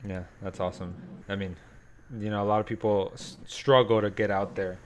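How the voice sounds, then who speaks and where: A man with a fairly low voice hosts a casual podcast interview. He talks loosely, swears freely and gets worked up easily. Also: flat delivery, fairly quick, a crowd in the background. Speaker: podcast host.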